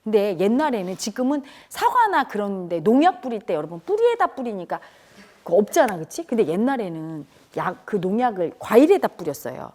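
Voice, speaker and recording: A woman's voice: medium pitch, dark tone. A middle-aged woman earnestly telling a painful childhood memory to an audience, her voice turning tearful at times. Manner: tearful and earnest, rising to cries when reliving events. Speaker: speaker at a spiritual community talk. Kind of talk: emotional personal storytelling.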